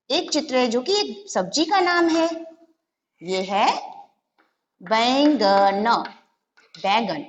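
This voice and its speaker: A woman's voice: fairly high pitch, a bit bright, a little hiss or hum. A woman teaching a Hindi lesson to young children, patiently sounding out syllables one by one. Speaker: primary school Hindi teacher. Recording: dull lo-fi recording with long hall reverb.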